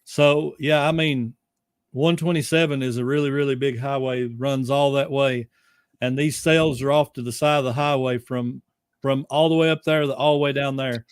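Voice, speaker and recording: A man's voice: mid-range voice, fairly even intonation, moderate pace, smooth, no echo. A man chatting casually as a guest on a podcast, explaining things in a loose, rambling way.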